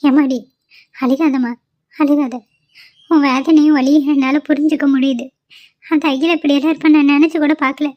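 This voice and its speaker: A woman's voice: sits high, no echo, close to an everyday voice. A woman voicing a caring, consoling middle-aged mother-in-law in a cartoon, on a dull lo-fi recording. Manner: soothing, consoling.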